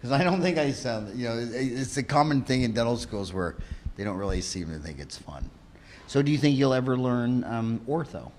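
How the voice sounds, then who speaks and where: A man in his fifties hosts a relaxed interview, talking at an everyday pitch. He jokes and fires off rapid questions. A faint hiss of noise sits under the recording. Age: 50s. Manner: chatty, joking, asks rapid questions. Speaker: podcast host. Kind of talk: casual interview.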